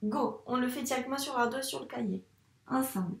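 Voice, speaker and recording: A woman teaching young children handwriting, speaking patiently and slowly spelling words out syllable by syllable. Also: high voice, steady tone, creaky, echoey room, recorded from a distance. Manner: slow, patient, syllable-by-syllable dictation. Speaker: primary school teacher.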